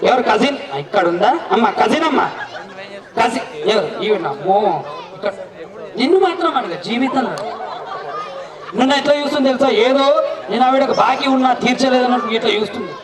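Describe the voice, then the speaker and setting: A man's voice: extremely high pitch, expressive, a little fast, long pauses. A man working as emcee at a wedding celebration, bantering and playfully teasing the guests to draw answers and applause. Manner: teasing, playful, coaxing the crowd. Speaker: event emcee. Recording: echoey, distant mic with crowd noise. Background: crowd.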